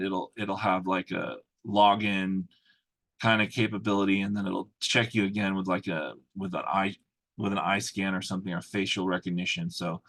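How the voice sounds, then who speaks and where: A man with a fairly low voice presents a corporate training video in a dry, close recording with little room sound. He explains procedures informally and practically, addressing the listener directly as an instructor. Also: fairly bright tone, no room sound. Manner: explanatory, instructing in the second person with practical examples. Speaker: cybersecurity compliance trainer.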